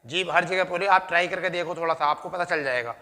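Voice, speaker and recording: A man's voice: fairly high pitch, quick pace, sharp tone, big-room sound. A man teaching Hindi grammar in an exam-prep lesson, repeating each question and answering it himself, calling students "beta".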